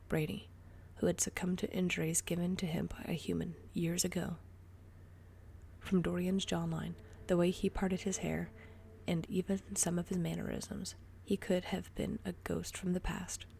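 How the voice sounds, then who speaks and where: A woman reading a story aloud in a soft, breathy whisper. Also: lowish voice, a little hiss or hum. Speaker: story reader.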